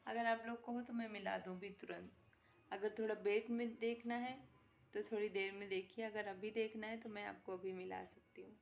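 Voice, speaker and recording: A woman's voice: mid-range voice, fairly even intonation, moderate pace, creaky. A woman filming a casual home vlog at night, cooing to a pet in doting baby talk. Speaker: vlogger.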